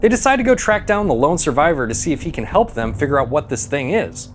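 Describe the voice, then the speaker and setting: This movie recap comes from a man whose slightly high voice swings widely in pitch as he talks fast. The narration is scripted, comic, sweary and sarcastic, set over background music with a touch of hiss or hum.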